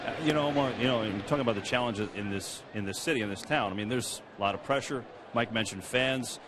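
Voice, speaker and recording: A man's voice: medium pitch, fast talker, noisy background. A man working as a sideline reporter, doing a live interview during a game with informal, wordy questions. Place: outdoors at a ballpark during a game. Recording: clear ballpark ambience behind.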